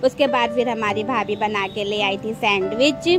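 A woman's voice: medium pitch, steady tone, moderate pace. A woman narrating a family vlog in a chatty way, often addressing viewers as friends. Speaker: vlogger. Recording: voice-over with clear background music.

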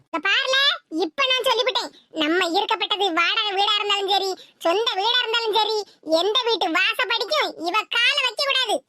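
A very high, piercing cartoon mother-in-law, voiced by a woman, scolding and taunting in a Tirunelveli Tamil accent. She nags without letup, and loud noise hisses under the whole recording. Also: brisk. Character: scolding sharp-tongued village mother-in-law. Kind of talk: cartoon voice acting.

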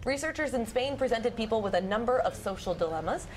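A woman's voice: fairly high pitch, animated, quick pace, a little hiss or hum. A young woman news anchor on a morning show panel, explaining research step by step in a chatty way. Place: TV news studio.

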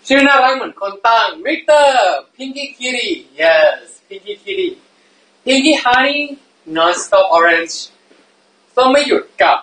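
A man's voice: extremely high pitch, lively intonation, extremely slow, bright, forceful tone. A man hosting a casual live stream, playful and giggly, often breaking into laughter. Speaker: livestream host. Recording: echoey room, mic at a distance.

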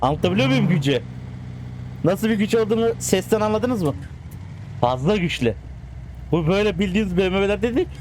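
Excitable young-sounding man narrating a driving game. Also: high-pitched, a little fast, long pauses, a little hiss or hum. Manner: excitable, coaxing the cars like pets. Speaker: gaming channel host. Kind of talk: casual gameplay commentary.

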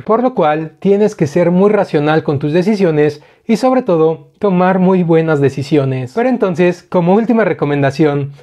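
A young man explains investing in an earnest, direct way. His voice sits high but sounds mellow and soft-edged. He speaks into a lapel mic in a small studio. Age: young adult. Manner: earnest, direct address to the viewer. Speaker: finance educator. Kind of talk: scripted explainer to camera. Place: small indoor studio with a screen backdrop.

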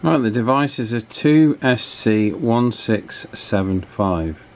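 A man with a mid-range voice and lively intonation speaks at a slow pace, casually demonstrating a repair hands-on and thinking aloud with some hesitation. He is an electronics repair hobbyist presenter working in a small indoor office workshop, with clear wind noise from a table fan behind him.

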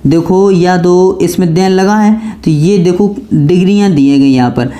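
A man teaching an exam-prep grammar class in a soft, mellow voice. He poses questions to himself and answers them at once, and he hammers each rule home by saying it again. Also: sits high, measured pace. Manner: repeats key points over and over.

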